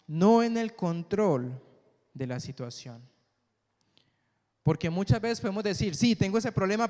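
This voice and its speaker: A man preaching a sermon, asking the congregation questions and answering them, swinging from loud high peaks to soft low endings. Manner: call-and-response questions to the congregation. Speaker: pastor. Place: church. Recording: long church hall reverb.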